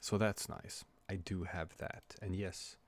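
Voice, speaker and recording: A man chatting casually on a livestream from home, talking quietly but clearly, soft and halting as if others are asleep nearby. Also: deep voice, steady tone. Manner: quiet but clear, soft late-night talking to avoid waking a child; halting, hesitant. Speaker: livestream host. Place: room at home.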